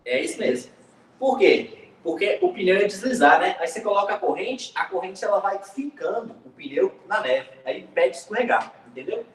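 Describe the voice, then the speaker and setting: A man teaching physics in an online class, lively and joking, speaking with a Brazilian Portuguese accent and calling students by name. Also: high-pitched, moderate pace, roomy sound, far from the mic, a little hiss or hum, low-quality recording.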